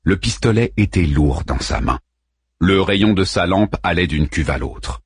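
Husky man reading an audiobook. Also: deep voice, lively intonation, a little slow, dry recording, studio quality. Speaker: audiobook reader. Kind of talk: scripted narration.

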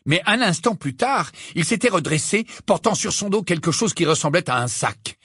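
A man reading an audiobook aloud in an expressive, dramatic way. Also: high-pitched, moderate pace, husky, no echo, clean studio sound. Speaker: audiobook reader. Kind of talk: audiobook narration.

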